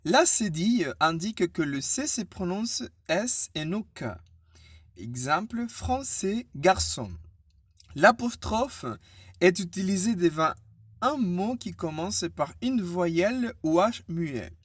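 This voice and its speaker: Woman, teacher, lowish voice, animated pitch, patient, spells out letters. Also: slow pace, breathy edge, no echo, studio quality. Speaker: French teacher. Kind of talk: slow, clear beginner language lesson.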